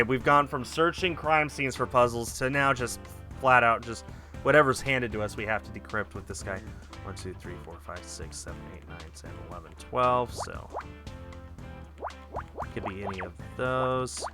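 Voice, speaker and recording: A man's voice: medium pitch, normal speed. A man giving casual live commentary on a game stream, thinking aloud and muttering as he works. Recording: loud game music behind.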